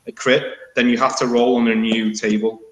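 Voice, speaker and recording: A man acts as game master in a casual tabletop session. His delivery is halting and wry, with a middling pitch. The recording is roomy and echoing. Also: little pitch movement.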